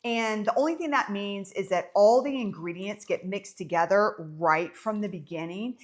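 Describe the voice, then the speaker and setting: A woman's voice: mid-range voice, moderate pace. A woman with a Southern accent giving a casual, chatty baking tutorial in a home kitchen, full of ums and small self-amused asides. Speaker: home baker teaching a bread recipe.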